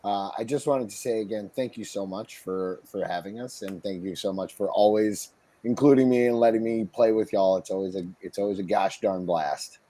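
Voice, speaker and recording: Casual, slangy man with a mellow voice. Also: lowish voice, normal speed, no echo. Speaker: guest performer. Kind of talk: casual chat.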